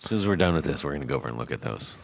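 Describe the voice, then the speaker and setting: A man's voice: a bass voice, lively intonation, very fast, vocal fry, no room sound. A man hosting a podcast in casual chat, reacting with short remarks and jokes. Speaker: podcast host.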